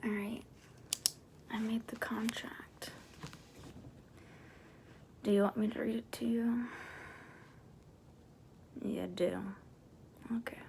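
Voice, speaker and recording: Woman in whispered role-play as a creaky demonic she-devil. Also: on the high side, fairly even intonation, slow pace, long pauses, darkish tone, slight background noise. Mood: coaxing, persuasive. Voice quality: breathy whisper with creaky edges. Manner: demonic whisper, coaxing and casual. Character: sly, persuasive demonic she-devil offering soul contracts.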